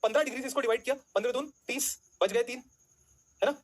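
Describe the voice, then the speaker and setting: Guy teacher, fast and bouncy, slightly husky voice, keeps asking the class stuff then answers it. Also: extremely high pitch. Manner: asks students questions then answers them himself; calls students beta, jokingly threatens them. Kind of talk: online class lecture.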